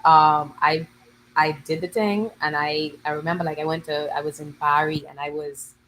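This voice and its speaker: A Bahamian woman in her thirties, a guest musician, chatting in an interview and telling her stories in lively local slang. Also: deep voice, moderate pace, slight background noise, poor audio. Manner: animated storytelling, lively dialect slang. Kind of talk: casual interview chat.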